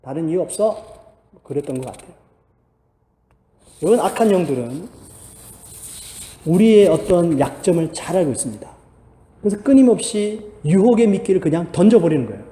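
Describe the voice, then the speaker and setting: A man's voice: high voice, dark tone. A man preaching a sermon as pastor, earnest and building to emphatic exhortation. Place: church sanctuary. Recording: echoey church hall, long reverb.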